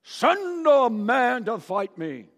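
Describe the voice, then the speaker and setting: A preacher doing a boastful giant warrior. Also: male voice, extremely high pitch, sing-song, takes it slowly, a bit bright, voice pushed up, heavily acted. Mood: taunting. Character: boastful giant male warrior challenging an army. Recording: long church hall reverb.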